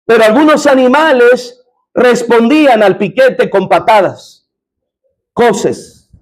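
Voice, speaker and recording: A man's voice: very high voice, slow. A man preaching a sermon as pastor in a church, often asking the congregation questions.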